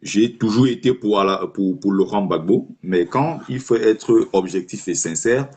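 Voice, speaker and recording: A livestream host taking callers offers opinionated commentary in a low-leaning voice that is darkish and slightly rough, at a measured pace. He's argumentative and rhetorical, pressing his points while speaking straight to his listeners.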